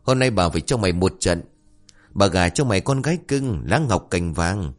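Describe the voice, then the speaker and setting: Scolding old village mother-in-law read by a deep-voiced man, shouty curses, swinging pitch. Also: expressive, moderate pace, faint music behind. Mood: furious.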